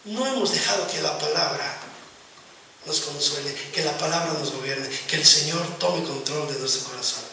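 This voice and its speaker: A man preaches his sermon in a high voice, captured from across a very echoey church hall. He keeps turning to the congregation with rhetorical questions, over a faint hiss of room noise. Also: moderate pace, far from the mic. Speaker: pastor.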